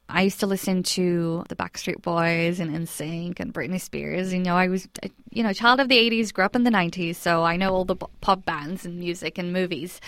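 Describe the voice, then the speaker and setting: A woman's voice: on the low side, fairly bright tone, dry recording, studio quality. A woman from Iraq, in her thirties, telling her personal story as an interview guest, earnest and reflective with many restarts.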